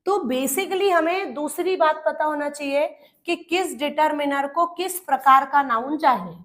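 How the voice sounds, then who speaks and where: A woman's voice: sits high, unhurried, a bit bright. A young Indian woman teaching an exam-prep grammar lesson, who explains step by step, calls her students "beta" and asks and answers her own questions.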